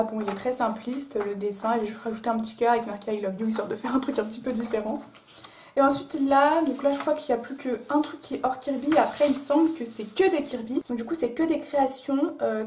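A woman artist talking casually about her drawings, with many fillers and pauses. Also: on the high side, darkish tone, a little hiss or hum. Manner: chatty, many fillers like euh and voilà. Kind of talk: casual chat. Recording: echoey room.

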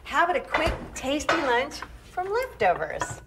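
Super perky high-voiced housewife doing a hard sell kitchen ad, swoopy pitch, bit of noise. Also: female voice, big pitch swings, moderate pace. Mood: upbeat selling. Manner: perky, emphatic. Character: perky enthusiastic housewife demonstrating a kitchen gadget. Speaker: infomercial demonstrator. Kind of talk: hard sell ad, scripted demonstration. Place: studio kitchen set.

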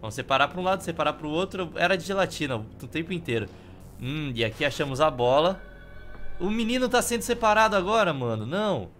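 Higher-pitched Brazilian man casually commentating a game. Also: animated, brisk, a bit bright. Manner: wry, offhand humour. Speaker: video game streamer. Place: indoor room. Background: game music.

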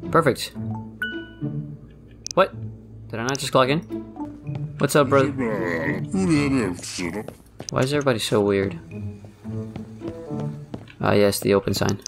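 A gaming host man chatters through a horror game in a medium-pitched voice, speaking directly to his audience. He gets flustered and loops the same words over and over whenever the pressure rises. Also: unhurried, gravelly, long pauses, over music. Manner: frantic, repeats words under pressure, talks to viewers. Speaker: gaming YouTuber. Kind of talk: let's play commentary.

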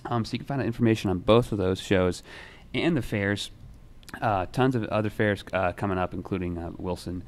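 A young man in his twenties hosting a casual newsroom chat at a desk microphone, relaxed and rambling, with many fillers and restarts. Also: on the low side, fairly quick. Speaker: music writer and show host. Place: newsroom studio.

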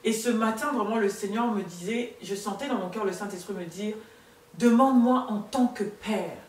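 On an indoor talk show set with a sofa, a thirtysomething woman earnestly recounts her personal faith testimony, hesitating and restarting frequently. Her voice sits at medium pitch, a little mellow, at normal speed, and the audio is roomy and distant with faint room noise.

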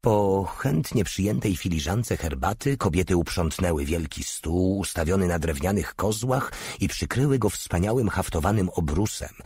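A man narrating an audiobook in a steady, measured reading. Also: low-pitched, slightly rough, no echo, clean studio sound. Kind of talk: scripted narration.

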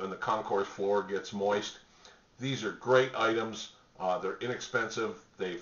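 A middle-aged man pitching gift products to the camera from a small home office, relaxed and rambling with many fillers. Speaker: store spokesman presenting products. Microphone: webcam at desk distance. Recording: roomy, distant, dull webcam audio.

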